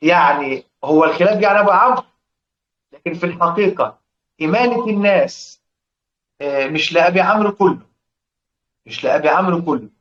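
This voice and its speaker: A man with an Egyptian accent teaching a class on Quran reading, his voice sitting a little high for a man. He quizzes his listeners and answers himself, dropping into slow chant for quoted lines. The recording is roomy and echoey, with a dull, lo-fi sound. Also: a bit bright. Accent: Egyptian Arabic. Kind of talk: religious lesson explaining verse.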